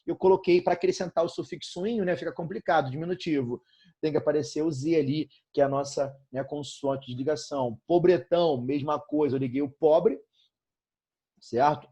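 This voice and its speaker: A man's voice: on the high side, dark tone, breathy edge. A man from Brazil with a Brazilian Portuguese accent, teaching a grammar lesson in an upbeat way and checking in constantly with his students. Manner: addresses students familiarly as "irmão" and "galerinha".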